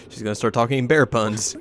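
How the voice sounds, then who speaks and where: A man's voice: mid-range voice, fairly even intonation, a little slow. A man reading game text aloud as a let's player, with dramatic delivery and joking asides. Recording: faint background noise.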